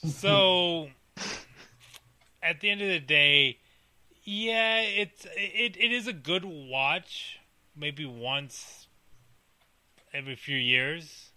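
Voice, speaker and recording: A man's voice: on the high side, animated, very slow, pauses often, pushed and bright, no echo. A man co-hosting a podcast review in casual chat, hesitant and often repeating his words. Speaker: podcast co-host.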